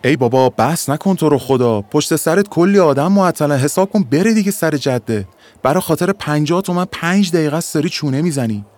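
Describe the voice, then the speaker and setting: A man's voice: a little high, lively intonation, voice pushed up, close to an everyday voice. A man voicing an exasperated male bus ticket clerk who scolds and pleads in an agitated way.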